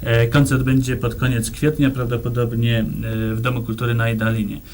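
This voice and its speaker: A man hosting a studio interview in a halting, hesitant way, recorded on noisy 1990s TV tape. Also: medium pitch, little pitch movement, darkish tone. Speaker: host of a local music TV show.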